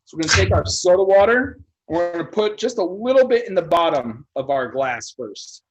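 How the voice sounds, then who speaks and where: A man's voice: sits high, very animated, fairly quick, noisy background. A man teaching a casual livestream cocktail class as a bartender, loose and joking, swearing casually as he talks through each step.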